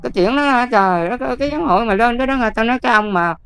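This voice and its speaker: An older Buddhist nun with a Southern Vietnamese accent, talking casually and emphatically, often checking whether the listener follows. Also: female voice, fairly high pitch, lively intonation, very fast, a bit bright, smooth, no room sound. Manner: emphatic, keeps checking "see?". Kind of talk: casual advice talk.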